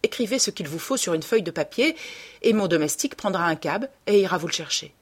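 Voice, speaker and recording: A woman reading an audiobook voices a charming, cold young gentleman who gives orders quickly and lightly. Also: lowish voice, lively intonation, husky. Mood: commanding. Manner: brisk, commanding, lightly airy.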